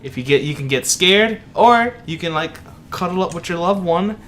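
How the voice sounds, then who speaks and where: Guy on a podcast, kinda high voice, all over the place, hyped. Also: normal speed, a little hiss or hum. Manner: animated, playfully argumentative. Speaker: podcast host. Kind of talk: casual chat among friends.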